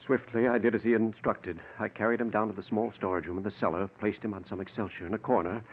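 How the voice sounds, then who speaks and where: Actor as anxious brother, tinny old radio thriller. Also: male voice, fairly low pitch, steady tone, fast talker, slight background noise, close to an everyday voice. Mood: tense narration. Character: anxious, submissive brother of a killer, narrating his story. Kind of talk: old-time radio thriller acting and narration.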